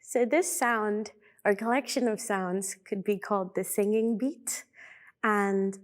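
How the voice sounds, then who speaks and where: A woman's voice: mid-range voice, fairly even intonation, slow. A woman teaching a beatbox technique, breaking it down methodically step by step with occasional fillers. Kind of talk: instructional explanation.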